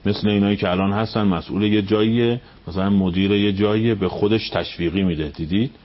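A man, a cleric, giving a storytelling religious lecture. He fires off rhetorical questions, climbs high when stirred and sinks to near-whispers. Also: fairly even intonation. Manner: impassioned, rising up high on questions, then dropping to near-whispers. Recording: dull radio broadcast sound.

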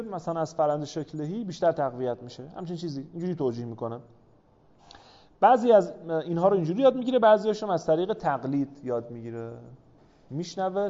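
A man's voice: fairly high pitch, dark tone. Lo-fi classroom lecture by a man. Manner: explains with rhetorical questions to the class. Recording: dull lo-fi recording.

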